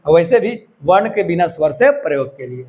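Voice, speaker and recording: A man's voice: fairly high pitch, big pitch swings, moderate pace, warm tone. A man teaching a grammar lesson for exam preparation, talking to students in a loose, conversational way and often checking that they are following. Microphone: microphone.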